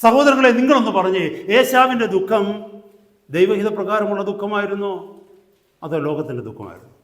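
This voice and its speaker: A male pastor preaching a sermon, swinging from quiet talk to loud rising exhortation and slipping slow English phrases into his preaching. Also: high voice, expressive. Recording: echoey hall sound.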